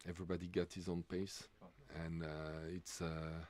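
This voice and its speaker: Deep-voiced Swiss man with French accent. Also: little pitch movement, a little mellow. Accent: French-speaking Swiss. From Switzerland. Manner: halting, many fillers and restarts. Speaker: race commentator. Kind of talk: live sports commentary.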